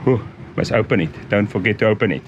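Over music and with lo-fi sound, a fifties-aged man with a lowish voice talks fast as he explains, step by step, how he cleans his catamaran. This casual sailing vlog was shot outdoors on deck with an action camera held close, and he speaks plainly, restarting now and then amid the boat noise.

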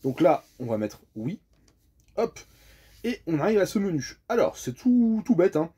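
A man's voice: high-pitched, very animated, a little slow, mellow, husky. A man from France casually explaining, step by step, how a piece of driving equipment works, chatty and full of hesitations. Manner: friendly, chatty, hesitant with many fillers. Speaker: bus driver explaining a tachograph.

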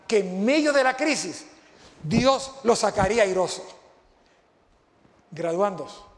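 A man preaching an impassioned sermon to graduates, repeating phrases for emphasis. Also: sits high. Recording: long hall reverb.

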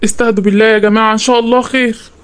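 A voice actor playing a stubborn, grumpy father in an Egyptian cartoon, with a gruff, scolding manner. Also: flat delivery, very fast, slight background noise, natural voice. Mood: soothing. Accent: Egyptian Arabic. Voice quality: pitched-up cartoon voice.

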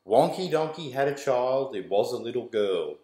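This man in his forties, on staff at a school, reads to children from a rhyming picture book with rhythmic, sing-song animation. His voice is medium-pitched and dark in tone, at a normal speed. A little hiss or hum sits under the roomy echo of the small, bare-walled room.

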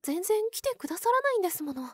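A woman voicing a pure young nun who is sweetly possessive and obsessive, in a soft, polite ASMR role-play. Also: extremely high pitch, sing-song, dry recording, studio quality. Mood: wistful, shy. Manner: polite, soft, demure, lingering pauses.

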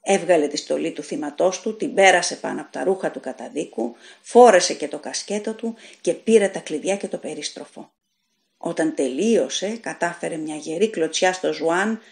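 A woman narrating a short story as an audiobook reader, in a measured, dramatic storytelling manner. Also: on the low side. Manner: measured, dramatic storytelling that voices characters' shouts.

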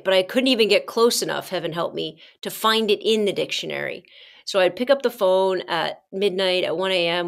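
A middle-aged woman hosting a podcast, telling casual personal stories in a chatty way and calling her listeners "guys". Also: fairly low pitch. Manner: chatty, addresses listeners as "guys", many fillers and asides. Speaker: podcast host.

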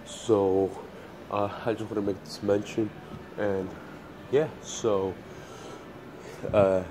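Inside a store, a man casually vlogs on a handheld phone, rambling and stumbling over restarts. His voice is lowish and level, he takes it slowly, and the background is noisy.

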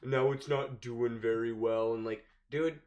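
A young man co-hosting a live stream, ranting in profane, animated casual chat. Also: medium pitch, measured pace. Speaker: stream co-host.

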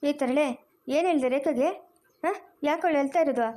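A woman voicing a warm, firm motherly woman in a cartoon who comforts a crying girl. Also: high-pitched, pitched above the performer's own voice, lightly acted. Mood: comforting. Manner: fast, soothing, repeats comfort.

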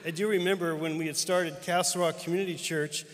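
A middle-aged man speaks with earnest reverence as he recounts years of shared ministry. His voice sits a little high. A long reverb trails each phrase through a big church auditorium. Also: fairly even intonation, fairly quick. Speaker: denominational superintendent. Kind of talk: heartfelt tribute speech. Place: large church auditorium with live audience.

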